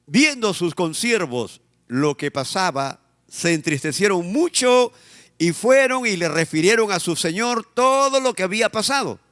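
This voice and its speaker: A Peruvian pastor preaches with a high, lively voice that leaps up and down as he presses each point. He talks slowly and stretches his words. The sound rings with long reverb from a church hall. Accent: Peruvian Spanish. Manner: emphatic preaching, drawn-out phrases, asks the congregation to repeat. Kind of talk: sermon.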